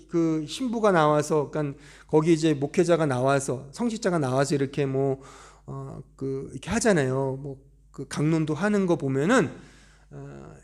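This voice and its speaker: High-pitched, lively male pastor. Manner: conversational, asks the congregation questions; acts out quoted voices in dialogue. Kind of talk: sermon seminar teaching. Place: church.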